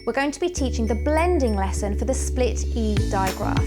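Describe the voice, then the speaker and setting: A woman from Berkshire with a southern English accent, a phonics teacher speaking to a class and slowly modelling letter sounds. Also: on the high side, lively intonation, over loud music. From Berkshire, England.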